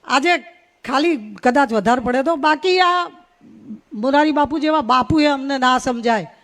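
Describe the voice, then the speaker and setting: A woman's voice: high-pitched, a little slow, a bit bright. A middle-aged woman from Gujarat, giving a humorous, folksy storytelling speech at a religious gathering. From North Gujarat. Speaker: guest speaker at a religious gathering.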